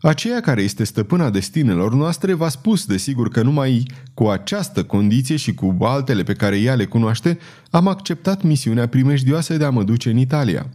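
A man's voice: mid-range voice, expressive, a little mellow, lightly acted. A man voicing a frightened prince who talks in a fearful, pleading way. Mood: earnest. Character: frightened male prince, desperate and shaken.

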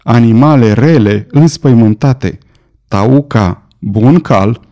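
A man reading an audiobook, voicing a stoic horseman guide who speaks calmly in short, broken phrases. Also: mid-range voice, close to an everyday voice. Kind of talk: audiobook character voice.

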